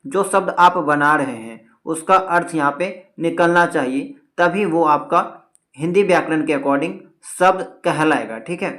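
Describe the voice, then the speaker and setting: Man teaching Hindi grammar, slightly high voice. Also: a little slow, a bit bright. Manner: explanatory, checks in with repeated "theek hai"; mixes English words into Hindi. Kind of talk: exam-prep lecture.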